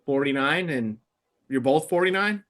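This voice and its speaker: A man's voice: on the high side, expressive, normal speed, fairly bright tone. A fifty-year-old man, a podcast guest, talking in an easygoing, blunt way in casual chat. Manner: easygoing, plain-spoken, gives blunt advice.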